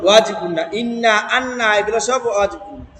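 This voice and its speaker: A man teaching Quran reading, spelling out syllables and chanting the verse slowly. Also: high voice, animated, crowd noise. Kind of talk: Quran reading lesson with recitation. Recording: echoey hall with noise.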